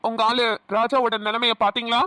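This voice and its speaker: A woman's voice: on the high side, little pitch movement, fairly quick, pushed and bright. A woman voicing an arrogant, spiteful young male villain in a cartoon, with a taunting, drawling, sneering manner and a Namakkal Tamil accent.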